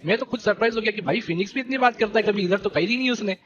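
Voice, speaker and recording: A young man leading a gaming team, ranting to his stream viewers in an animated, indignant way and repeating fillers. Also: high voice, rapid-fire, muffled recording, music in the background. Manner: animated and indignant, keeps repeating "theek hai" and "bhai". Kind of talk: heated live-stream rant.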